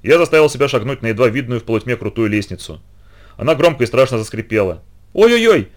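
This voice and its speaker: A man's voice: medium pitch, fast. A man reading a children's story aloud in the first person, with dramatic expression. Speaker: reader.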